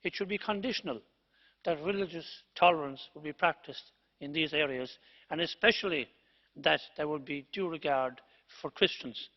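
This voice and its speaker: A man with a fairly high voice speaks emphatically in a parliamentary debate. His words ring out with a long reverb in the chamber. The broadcast sound is muffled and lo-fi. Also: normal speed. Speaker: member of parliament.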